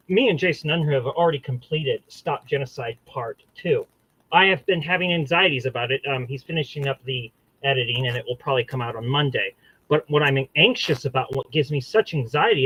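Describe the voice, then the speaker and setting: A man's voice: a little high, fairly bright tone, husky, dry recording, dull audio. A man hosting his own channel, giving a combative, profane solo monologue that rambles and restarts mid-sentence. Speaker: channel host.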